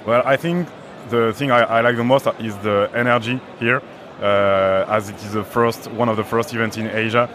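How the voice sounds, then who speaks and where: A man from France, answering a quick vox pop interview with hesitant fillers. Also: on the low side, steady tone, crowd noise. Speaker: event attendee.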